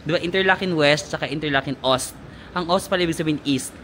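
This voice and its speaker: Filipino guy vlogging outside on his phone, gossipy playful chatter, kinda high voice, bit of street noise behind. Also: fast, fairly bright tone. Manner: chatty gossiping storyteller, playful, mixes in English. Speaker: travel vlogger. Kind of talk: casual vlog chat. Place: outdoors in a town in winter. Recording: faint street noise outdoors.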